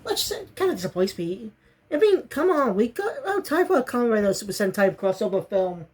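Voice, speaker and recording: A woman's voice: medium pitch, big pitch swings, fairly quick, husky. A woman casually reviewing a show episode, rambling and correcting herself as she goes. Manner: rambling, self-correcting, bursts into fits of laughter.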